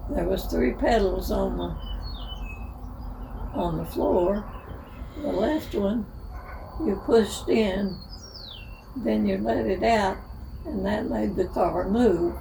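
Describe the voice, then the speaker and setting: Very old woman, very slow and halting. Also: mid-range voice, vocal fry, mellow. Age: 105, very old. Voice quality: aged, elderly voice. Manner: halting, in short broken phrases. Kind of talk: unscripted reminiscing about the old days. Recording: distant mic, noisy, birdsong behind.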